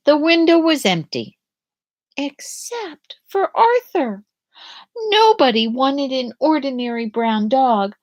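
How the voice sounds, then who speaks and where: A woman with a high-sitting voice reads a picture book aloud to young children, phrasing things dramatically and deliberately and asking her listeners questions.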